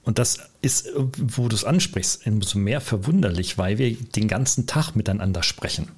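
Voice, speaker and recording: A man co-hosting a podcast, talking casually in an animated, rambling way with many fillers and restarts. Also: on the low side, moderate pace, slightly rough. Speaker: podcast co-host, lecturer. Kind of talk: casual conversational podcast talk.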